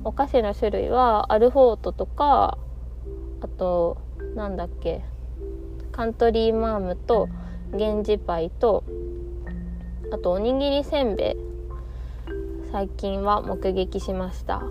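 A woman's voice: medium pitch, takes it slowly, long pauses, soft background music. A woman with a nasal, stuffy-nosed voice from a cold, chatting casually in a personal audio diary recorded outdoors on the way home. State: congested with a cold. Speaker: solo audio diary host. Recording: muffled, noisy outdoor recording.

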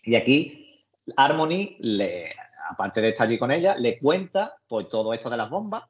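This co-host speaks in a medium-pitched, sing-song voice at a moderate pace, with an accent from Spain. Chatting casually on the podcast, he meanders through scenes of a series using slangy, colloquial language, all captured in muffled lo-fi sound.

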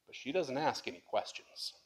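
A man pastor preaching a sermon in a conversational way, rising to loud, impassioned lines when reading scripture and pleading. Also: medium pitch, sing-song, moderate pace, husky.

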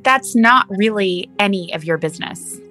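A woman's voice: mid-range voice, expressive, moderate pace, bright, forceful tone, faint music behind. An actress playing a guarded, secretive woman in an audio drama, evasive and tense.

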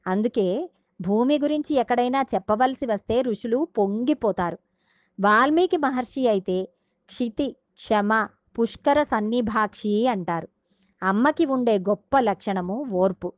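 An earnest woman gives a devotional discourse, retelling a sacred tale and pausing to explain its meaning to her listeners. Her voice sits fairly high. The recording is dry and close, with no room echo. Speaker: religious discourse speaker.

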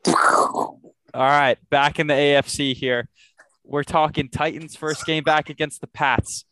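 A man hosting a sports talk podcast. His voice is smooth and resonant, recorded close and dry, and he makes his picks briskly and without doubt. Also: a little high, steady tone, bright, forceful tone, no echo. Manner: confident, quick to make picks. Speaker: podcast host.

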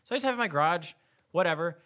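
Animated, bright-voiced young man chatting. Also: fairly high pitch, racing. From United States. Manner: agreeable, chiming in. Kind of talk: casual podcast chat.

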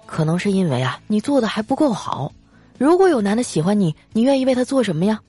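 A woman's voice: mid-range voice, very animated, fast, soft background music, lightly acted. A woman doing a sly, coaxing dad. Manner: coaxing, gently teasing. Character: sly, joking father.

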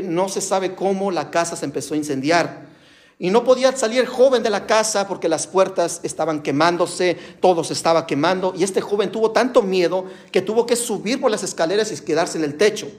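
A man with a high voice delivers an emphatic sermon. He keeps calling his listeners brothers, surging loud on key phrases and then dropping soft. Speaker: preacher.

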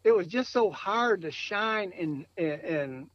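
A man's voice: high voice, expressive, slow pace, a bit bright, no room sound, lo-fi sound. A man from Michigan talking casually about hunting gear, rambling and repeating words, laughing often. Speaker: podcast guest, coon hunter. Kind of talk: casual chat.

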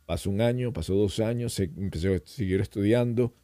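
Un hombre invitado a un pódcast, que cuenta historias de forma animada y coloquial, con muchas frases que se reinician. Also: male voice, on the low side, a little fast, no echo. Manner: animated, rambling storyteller with frequent restarts; colloquial, addresses host as "hermano". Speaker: podcast guest. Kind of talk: casual storytelling chat.

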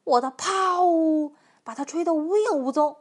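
A woman's voice: high-pitched, big pitch swings, normal speed, a bit bright. Woman doing a pushy boastful elephant. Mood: demanding.

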